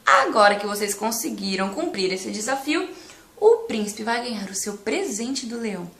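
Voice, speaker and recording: Animated woman storyteller for children. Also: on the high side, moderate pace. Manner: animated, coaxing the audience to join in. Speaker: storyteller teacher. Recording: echoey room.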